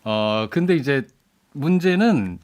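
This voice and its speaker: A man's voice: mid-range voice, lively intonation, slow pace, a little mellow. A man who is a guest commentator in a radio studio, explaining ideas in a lecturing way with hesitant restarts. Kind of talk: radio current-affairs discussion.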